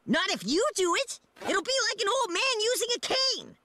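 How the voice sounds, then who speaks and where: Very high scheming punk boy. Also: big pitch swings, normal speed, slight background noise, full character voice. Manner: sly, insistent. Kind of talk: animated cartoon acting. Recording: loud cartoon music behind.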